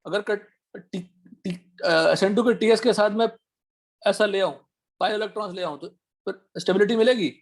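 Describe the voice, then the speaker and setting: A man teaching an online chemistry class, firing quick questions at his students to check they follow. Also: sits high. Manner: quizzing students with rapid questions. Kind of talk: online chemistry class, Hindi mixed with English.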